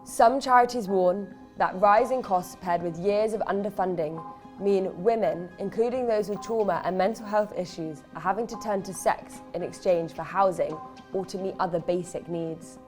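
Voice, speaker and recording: Woman, medium pitch, scripted news voice-over, light background music. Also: normal speed, darkish tone. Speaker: narrator.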